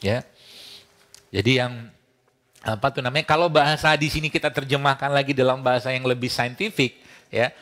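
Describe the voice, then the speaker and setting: A man giving a lively, conversational sermon as a preacher and doctor. He jokes, laughs often and acts out the dialogue of his anecdotes. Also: mid-range voice.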